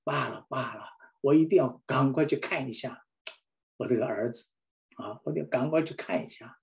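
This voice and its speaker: A man's voice: mid-range voice, moderate pace, creaky, darkish tone, a little hiss or hum, natural voice. A preacher voicing a distraught old father's anguished cries within a sermon. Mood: grief-stricken. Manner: anguished exclamations.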